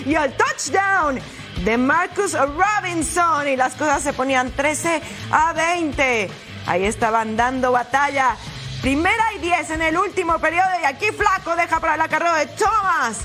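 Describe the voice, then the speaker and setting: A woman presenting American football highlights, exclaiming and stretching out key words in touchdown-call commentary. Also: fairly bright tone.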